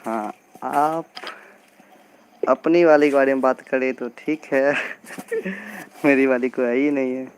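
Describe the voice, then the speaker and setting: A man's voice: mid-range voice, slow, long pauses, smooth, poor audio. A man hosting a live stream, chatting casually with viewers and teasing them by name. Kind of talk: casual live chat reading comments. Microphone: earphone mic.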